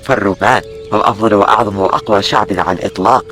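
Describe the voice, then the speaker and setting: A man's voice: fairly low pitch, rapid-fire, fairly bright tone, voice pushed down, natural voice. A man voicing a proud young Roman man in an audio drama.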